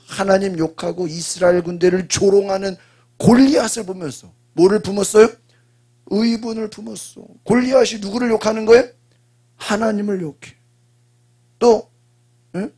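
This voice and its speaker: Raspy gravelly Korean pastor preaching. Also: male voice, high-pitched, dark tone. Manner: call-and-response preaching, frequent prompting asides. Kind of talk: sermon.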